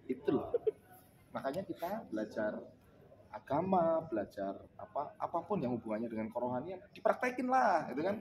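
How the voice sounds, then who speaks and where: A man's voice: fairly high pitch, very animated, moderate pace, noisy background. A male business coach gives a motivational talk at a sales meeting. He keeps asking the room "ya kan?" and acts out sales conversations. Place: indoor meeting room with a live audience. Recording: crowd reacting in the room. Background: audience laughter.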